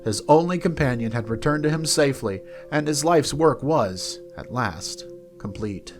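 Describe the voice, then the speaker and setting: A man reading a fantasy story aloud as narrator, in an expressive, soft-spoken way. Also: fairly high pitch, moderate pace, faint music behind. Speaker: narrator and game company host.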